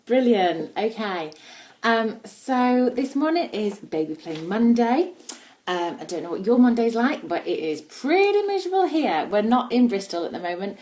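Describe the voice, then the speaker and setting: Speaking at a fairly high pitch with big swings in intonation, this woman talks at a normal speed with a slightly mellow tone. She has a Yorkshire accent from northern England. She chats informally and explains things while hosting a casual live baby play demo indoors at her family home.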